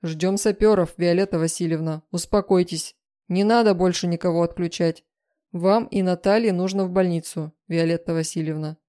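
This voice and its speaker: A woman reading the lines of a calm, dutiful male bodyguard who speaks politely and firmly. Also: on the low side, moderate pace, lightly acted. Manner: polite and firm.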